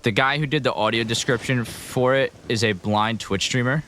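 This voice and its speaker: A man's voice: medium pitch, moderate pace, a bit bright, a little hiss or hum. Chatty male game streamer. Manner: chatty, answering chat as he plays. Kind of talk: casual gameplay commentary.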